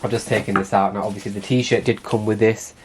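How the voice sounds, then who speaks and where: A man talks viewers through a car install in a laid-back, rambling way. His voice is nasal and congested and sits a little low. Faint noise runs behind him. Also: fast. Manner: chatty, relaxed, many fillers like "obviously". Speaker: car vlogger. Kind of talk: casual how-to vlog.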